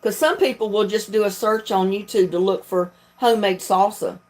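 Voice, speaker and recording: Speaking at normal speed in a steady, slightly mellow, medium-pitched voice, a woman from North Carolina hosts a livestream as a video creator. Her Southern-accented chat is casual and folksy, and she laughs often.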